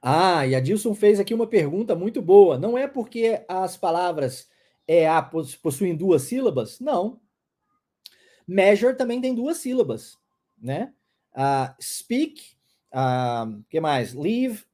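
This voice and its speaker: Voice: mid-range voice, very animated, takes it slowly, warm tone. An English teacher, explaining step by step in an online pronunciation lesson and modeling phrases for listeners to repeat.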